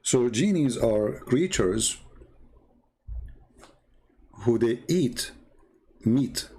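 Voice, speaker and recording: Speaking very slowly in a mid-range, mellow, husky voice full of expression, a man hosts a religious commentary show on shortwave radio. English is his second language, and his informal talk is instructive and emphatic, with phrases said again and again.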